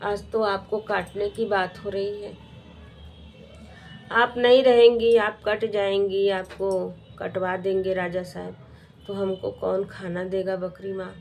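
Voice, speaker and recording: A woman's voice: medium pitch, flat delivery, slow, darkish tone, slight background noise. A woman voicing a poor orphan girl, speaking in a plaintive, pleading way.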